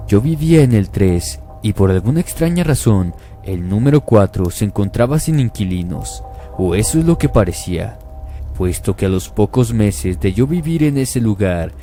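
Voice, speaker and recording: A man narrating a first-person horror story at a slow, calm pace. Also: on the low side, faint music behind.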